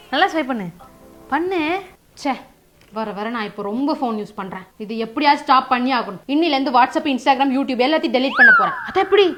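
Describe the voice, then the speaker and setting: A woman's voice: high voice, pushed and bright, a little hiss or hum. A woman doing a comic monologue, arguing with herself in an exaggerated way. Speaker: comedy creator.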